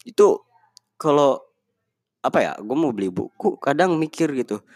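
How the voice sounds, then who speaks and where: A man's voice: a little high, sing-song, normal speed, a little mellow, dry recording, clean studio sound. A young man with chatting casually with a friend, often laughing and dropping in English words. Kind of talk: casual chat.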